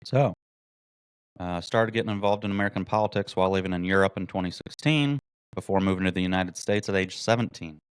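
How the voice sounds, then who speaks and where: Mocking male podcast host, smooth and dry. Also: sits low, brisk, no echo. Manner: mocking, indignant, reads articles aloud. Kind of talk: political commentary monologue.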